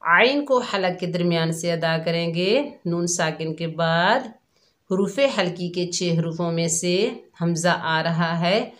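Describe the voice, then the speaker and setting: A woman teaching Quran recitation step by step, calmly explaining each letter and drawing out the words she recites, her throat a little sore. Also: fairly low pitch. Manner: calm, methodical explaining, drawn-out recitation of words. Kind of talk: slow step-by-step tajweed lesson.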